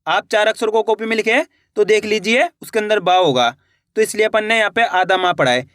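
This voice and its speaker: High-pitched guy teaching a reading lesson, drags out every word, smooth clear voice. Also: fairly bright tone, dry recording, clean studio sound. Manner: slow drawn-out word reading, faster when explaining; addresses viewers as friends, coaxing.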